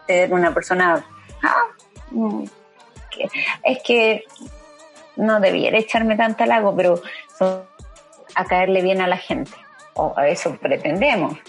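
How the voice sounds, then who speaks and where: A woman's voice: medium pitch, unhurried, long pauses. A gossipy, chatty celebrity lady, put on by a woman with a Chilean accent. She rambles playfully about her life, with faint music behind. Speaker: guest. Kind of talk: comedic impression.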